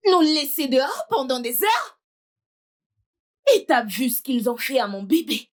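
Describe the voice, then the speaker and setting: A woman voices a fierce young woman in a dubbed film drama, her fairly high voice hard with defiance. She insists on vengeance. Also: big pitch swings, unhurried. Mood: defiant. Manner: defiant, forceful. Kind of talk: French dub of a film.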